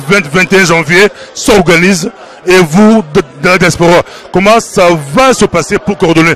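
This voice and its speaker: A man's voice: sits high, fairly bright tone. A man interviewing a political activist, asking probing and challenging questions.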